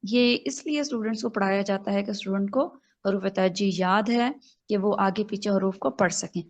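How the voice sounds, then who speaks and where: A woman's voice: medium pitch, darkish tone. Woman teacher correcting students patiently. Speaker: Quran recitation teacher. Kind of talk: online class instruction. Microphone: video call.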